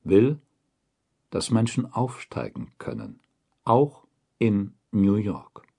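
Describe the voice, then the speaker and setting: A man narrating a documentary report in a slow, unhurried voice with a mellow, slightly husky tone. His pitch moves a lot, rising and falling across each phrase, and the delivery stays measured and deliberate. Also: very animated. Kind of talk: scripted documentary voice-over.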